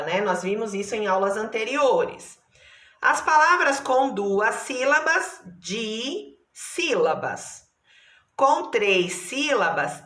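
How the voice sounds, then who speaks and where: Slow, bright-voiced Brazilian teacher woman. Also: on the high side, echoey room. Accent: Brazilian Portuguese. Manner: patient, spells words out slowly syllable by syllable. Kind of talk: online class lesson.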